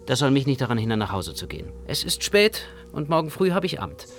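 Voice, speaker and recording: An actor playing an anxious, introspective young man who narrates his own night walk in a literary radio play, speaking in a measured, intense way. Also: mid-range voice, sing-song, gravelly, soft background music. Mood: brooding. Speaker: first-person narrator.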